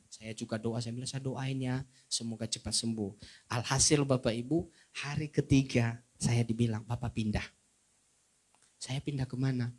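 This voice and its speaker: A man preaching a sermon as a pastor, telling a personal testimony to his congregation with wry humor and direct address to the listeners. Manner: lively storytelling that moves between hushed low passages and raised, high emphatic ones.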